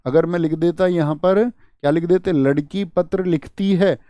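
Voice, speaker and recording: A man's voice: on the high side, steady tone, moderate pace, mellow, no room sound. Man teaching, dry close sound. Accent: Hindi. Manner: drills students with repeated rhetorical questions. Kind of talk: exam-prep lesson.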